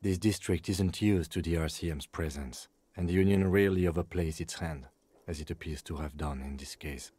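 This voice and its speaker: Calm, deadpan police lieutenant. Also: male voice, low voice, husky, dry recording. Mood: measured. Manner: measured, precise, deadpan sarcasm. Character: calm, dry-witted male police lieutenant. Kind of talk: video game dialogue.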